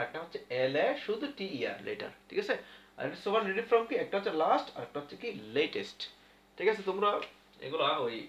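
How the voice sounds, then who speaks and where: A man with a Bangladeshi Bengali accent teaches English grammar at a board, patiently repeating rules and asking then answering his own questions. His voice sits high and sounds a bit bright. The recording is lo-fi and dull, with room echo.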